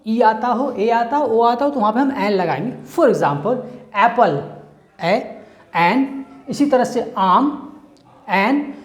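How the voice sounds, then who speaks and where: A woman's voice: fairly high pitch, lively intonation, slow, pauses often, roomy sound. A woman teaching an English grammar lesson in the style of a classroom, explaining step by step and asking questions that she answers herself.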